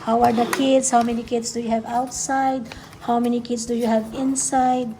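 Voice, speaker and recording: In a casual unboxing vlog set to background music, a childcare educator explains everything simply, step by step, with lots of repetition. Her slightly high, warm voice is flat in delivery and moderately paced, and there's a little hiss or hum.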